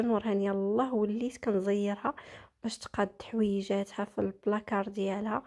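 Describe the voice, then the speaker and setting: A woman's voice: medium pitch, gravelly, warm tone. A woman in her thirties with a Moroccan accent, chatting casually to her viewers in a daily-routine vlog. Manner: chatty, addresses viewers as girls. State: out of breath after stairs. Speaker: vlogger.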